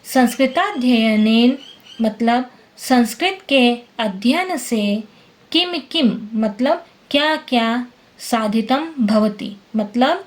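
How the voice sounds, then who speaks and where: A woman's voice: a little high, expressive, slow pace. A woman teacher explaining a Sanskrit lesson word by word, patiently checking that her students follow. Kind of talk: classroom lesson explaining text line by line.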